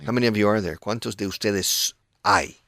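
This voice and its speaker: A low-voiced man teaches English on the radio, patiently explaining phrases and switching between two languages. He talks a little fast with a slightly bright tone, and the studio sound is dry and close.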